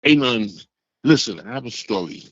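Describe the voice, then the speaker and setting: A man in his sixties calling in over the phone, telling a rambling, halting story from years past. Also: medium pitch, lively intonation, a bit bright, no echo. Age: 60s. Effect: heard over a phone line. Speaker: caller. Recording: muffled phone line.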